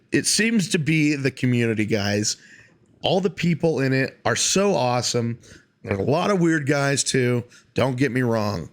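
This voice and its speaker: A man hosting a solo podcast, talking casually in an earnest, rambling, informal way. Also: medium pitch. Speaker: podcast host.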